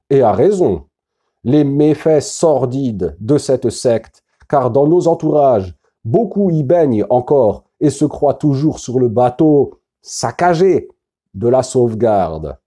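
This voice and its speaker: A man reading out an anonymous testimony in a solemn, deliberate manner. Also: mid-range voice, mellow. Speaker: former member giving testimony.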